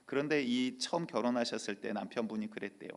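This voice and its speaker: A male pastor delivering a sermon in church, telling lively stories and acting out quotes. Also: medium pitch, fast. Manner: lively storytelling with acted-out quotes.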